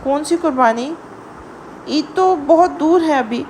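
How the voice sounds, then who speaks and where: Woman voicing a proud young husband, curt, commanding, high voice, audio novel. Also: darkish tone, slight background noise, natural voice. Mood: brusque. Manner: brusque and commanding.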